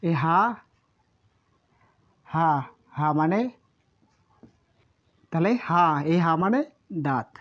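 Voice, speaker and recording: A woman gives a slow, patient language lesson, breaking each word into syllables and repeating it over and over. Her voice sits fairly low, and it comes through a dull, lo-fi recording. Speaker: Japanese language teacher. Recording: dull lo-fi audio.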